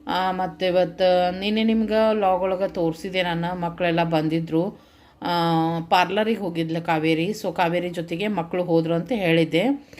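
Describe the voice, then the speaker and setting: Middle-aged North Karnataka woman, lowish voice. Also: fairly even intonation, normal speed, darkish tone. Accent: North Karnataka Kannada. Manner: earnest, heartfelt retelling, addresses viewers directly. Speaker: vlogger and home food seller. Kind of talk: casual vlog narration to viewers.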